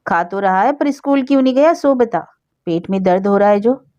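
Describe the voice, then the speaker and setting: A woman's voice: mid-range voice, lively intonation, a little fast, mellow, dull audio, natural voice. A woman voicing a young sister-in-law who is tired and exasperated. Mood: stern. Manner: exasperated, scolding.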